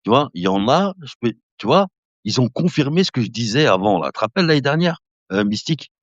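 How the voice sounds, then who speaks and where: Here a man in his fifties talks fast on a casual live stream, addressing viewers as brother while he rambles and laughs freely. His pitch is medium, and the sound is dull, lo-fi and dry.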